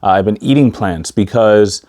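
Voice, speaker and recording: Male movie-review vlogger, lower register, casual and halting, stiff-mouthed after wisdom teeth surgery. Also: darkish tone. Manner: stiff-mouthed speech after wisdom teeth removal, limited facial mobility. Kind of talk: casual talk to camera.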